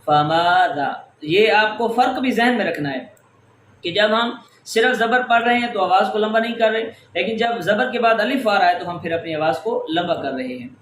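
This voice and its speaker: A man's voice: high-pitched, fairly bright tone, slight background noise. A man teaching tajweed, patiently explaining each rule step by step and stretching out example words. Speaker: Quran recitation teacher. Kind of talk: tajweed lesson. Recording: echoey room with faint ambience.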